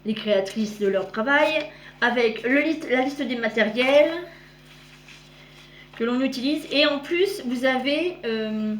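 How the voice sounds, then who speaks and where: A woman's voice: sits high, a little hiss or hum. A woman chatting casually through a show-and-tell vlog, meandering and often correcting herself mid-sentence. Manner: addresses viewers warmly as "girls". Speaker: cross-stitch vlogger. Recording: roomy echo.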